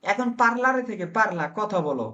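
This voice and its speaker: A man teaching Italian in an online group lesson, slowly explaining and repeating phrases for drills. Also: high voice, animated, pushed and bright, dull audio.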